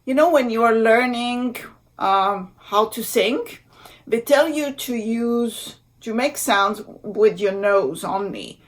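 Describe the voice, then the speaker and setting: Slow-paced woman teaching pronunciation. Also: fairly high pitch, expressive. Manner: deliberate, repeats example words. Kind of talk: instructional language lesson, demonstrating sounds and words.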